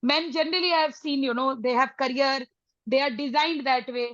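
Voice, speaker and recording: A middle-aged woman with an Indian accent leading a motivational parenting session, mixing Hindi and English with emphatic, drawn-out phrases. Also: high voice, fairly even intonation, a bit bright, no room sound, dull audio. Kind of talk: motivational talk to a live group.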